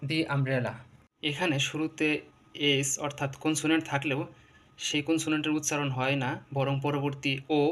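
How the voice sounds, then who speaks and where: A man with a slightly high voice gives a patient lesson. He spells words out and works through one example after another. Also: a bit bright. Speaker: English teacher. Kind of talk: explanatory lesson.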